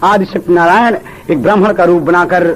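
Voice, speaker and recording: A man with a Bhojpuri accent, the lead birha singer, telling a folk tale in spoken narration and loud, drawn-out sung lines. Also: high-pitched, steady tone.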